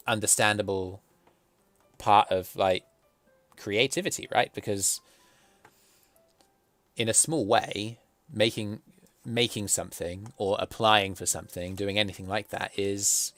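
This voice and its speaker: A man's voice: on the low side, vocal fry, a bit bright, dry recording. A man with a posh, plummy southern English accent, hosting a casual livestream interview. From south of England. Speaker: stream host interviewing artists.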